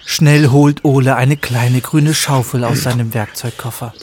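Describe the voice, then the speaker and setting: A man reading a children's story aloud as narrator, with clear, expressive storytelling. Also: medium pitch, a little slow.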